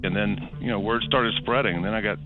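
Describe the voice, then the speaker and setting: A man's voice: lowish voice, fast, music in the background, poor audio. A man from Colorado telling his story in an interview, earnest and full of "you know" fillers. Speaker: interview guest, RV donor. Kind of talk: conversational storytelling.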